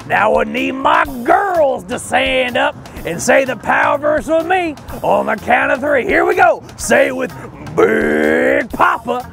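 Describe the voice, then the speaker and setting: A man playing a boisterous, boastful, folksy Southern trucker who hosts a children's Bible show with loud, exaggerated delivery. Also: very high voice, sing-song, a little slow, creaky, hardly any pauses, faint music behind, exaggerated voice. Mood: rowdy, encouraging. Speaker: kids show host.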